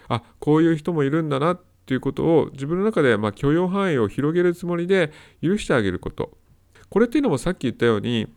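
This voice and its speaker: A man's voice: medium pitch, gravelly, darkish tone. A man hosting a solo advice talk, explaining step by step and repeating his key points. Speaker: host of a self-help audio talk.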